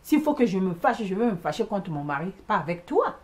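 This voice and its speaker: A woman at an ordinary middle pitch, recounting a personal story to her viewers in a loose, casual monologue. She talks with emphatic, animated energy, hammering points by repeating words. Now and then she drops in an English exclamation. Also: brisk. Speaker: vlogger recounting a household conflict.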